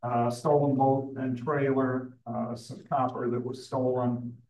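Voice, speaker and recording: Man, police lieutenant, halting report, many fillers, echoey room, away from the mic. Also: medium pitch, level tone, a little mellow. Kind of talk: public meeting report. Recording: roomy, distant from the mic.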